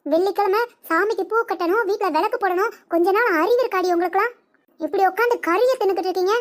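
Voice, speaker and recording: A woman doing a shrill nagging old mother-in-law. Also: quick pace. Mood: scolding. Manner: scolding, nagging, loud. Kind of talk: cartoon comedy voice acting.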